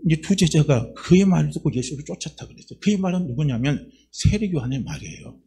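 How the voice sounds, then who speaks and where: A man, the church's pastor, preaching a lively sermon and putting rhetorical questions straight to his congregation. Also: on the high side, fast talker, slightly rough. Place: church sanctuary.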